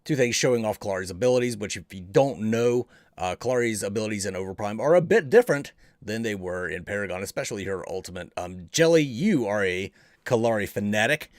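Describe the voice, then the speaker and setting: A man's voice: lowish voice, lively intonation, brisk, no echo, clean studio sound. A bearded man hosting a casual live-streamed gaming talk show, joking and laughing as he goes. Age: adult with beard. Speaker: podcast host.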